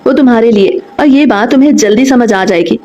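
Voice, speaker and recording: A patient, gentle young woman from a romance storybook, soothing and persuasive, read by a woman narrator. Her voice is fairly high. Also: a little fast, close to an everyday voice.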